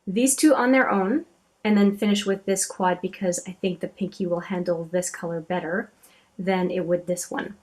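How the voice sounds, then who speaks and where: A chatty woman giving casual commentary while she swatches makeup. Her voice sits in a middling pitch, and she gushes over shades before dropping into soft, half-muttered asides. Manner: chatty, admiring, often trails off into quiet asides. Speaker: beauty channel host.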